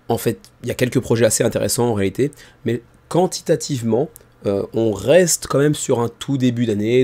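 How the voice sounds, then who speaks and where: A man hosts in a casual, chatty way with a mellow, dark tone. His voice sounds tired and deliberately held back, soft and low in volume, spoken close to the mic at a medium pitch. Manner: informal, chatty, self-deprecating. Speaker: host of a board game crowdfunding video show. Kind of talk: casual presenter talk, kept low and soft. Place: small room indoors. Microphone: microphone about ten centimetres from the mouth.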